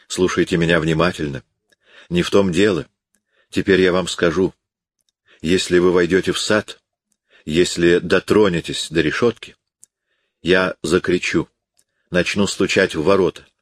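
A man's voice: low voice, no room sound. A man voicing a fierce defiant young woman. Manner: hard, mocking, threatening. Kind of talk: audiobook reading.

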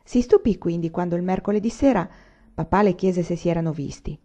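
A woman reading a novel aloud, gently voicing the characters with small lifts in pitch. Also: brisk. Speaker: audiobook reader. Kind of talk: read-aloud novel narration. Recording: dull lo-fi recording.

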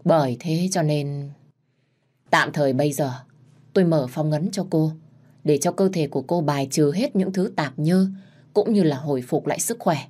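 Stern old shaman granny, a woman putting her on, low warm voice, lectures slowly. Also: husky. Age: older. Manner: stern, instructive. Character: old female village shaman, stern, wise.

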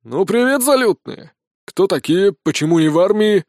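A man voicing a proud, boisterous male dwarf miner who talks in a loud, folksy way. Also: high-pitched, expressive, moderate pace, no echo, studio quality, pitched above the performer's own voice. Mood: hearty.

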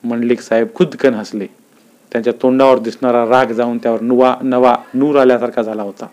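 A man's voice: mid-range voice, level tone, a little fast, darkish tone. Man narrating a dramatic story.

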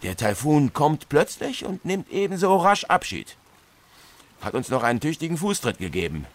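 A man voicing a loud, bluff middle-aged sea captain in a radio play, bellowing orders through a storm and dropping English sailor words into his German. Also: a little high, sing-song, moderate pace, pitched above the performer's own voice. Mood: gruff relief.

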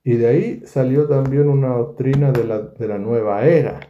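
A man's voice: mid-range voice, normal speed. A man teaching a verse-by-verse Bible study, speaking animatedly and acting out the scenes he describes. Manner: animated, acts out the scripture scenes. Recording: echoey, dull lo-fi room recording.

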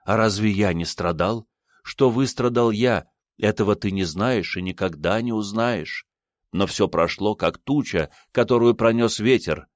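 An ardent, remorseful lover in a spoken novel, as a man with a very low voice reads him. His delivery is fervent and insistent, full of repeated vows. It is a dry, close recording. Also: measured pace, dry recording, lightly acted. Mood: resolute.

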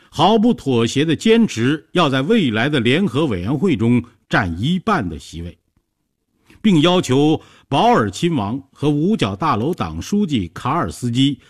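A man reading a story aloud as a narrator, in a steady, measured way. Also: medium pitch, breathy edge.

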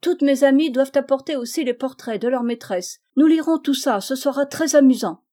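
A spoiled, insolent little girl speaks pertly and quickly, her voice pitched high and raised in defiance, as a woman acts her out. The tone stays mellow under the lift. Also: natural voice. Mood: scornful.

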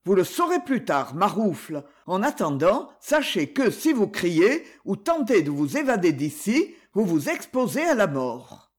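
A man voicing a menacing impostor nobleman who speaks in curt, rough commands. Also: high voice, very animated, a little slow, few pauses, full character voice. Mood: threatening.

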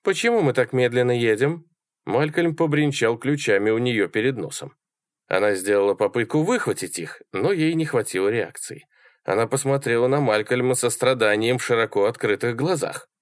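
A man narrating a short story in a lively, dramatic reading. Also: mid-range voice, moderate pace, no room sound, studio quality. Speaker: audiobook narrator. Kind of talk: scripted narration.

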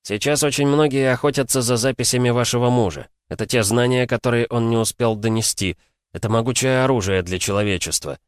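A sly investigator leans on his listener with calm, persuasive insistence, voiced by a man reading a novel. His voice sits a little above the reader's usual register. The sound is close and dry. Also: mid-range voice, brisk, smooth, no echo, voice pushed up, close to an everyday voice. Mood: insistent. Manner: persuasive, pressing. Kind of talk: audiobook character voice.

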